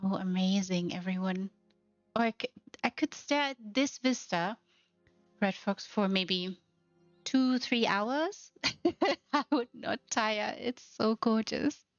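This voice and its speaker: A woman guides listeners through a game house, heaping lavish praise on everything in a slow, deliberate way. Now and then she slips into playful baby-talk. Her voice is dry and a little dull, with faint music behind it. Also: mid-range voice, expressive, no room sound. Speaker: host of a game house tour. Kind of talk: casual tour commentary.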